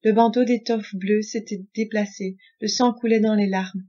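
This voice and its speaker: Woman reading a novel aloud, flat steady delivery, kinda muffled audio. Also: medium pitch. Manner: measured, even storytelling. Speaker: audiobook reader. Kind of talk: audiobook narration.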